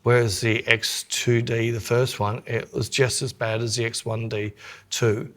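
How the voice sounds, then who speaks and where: A man's voice: medium pitch, level tone, unhurried, fairly bright tone. A man with an Australian accent co-hosting a podcast, chatting casually in a rambling way. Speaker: podcast co-host.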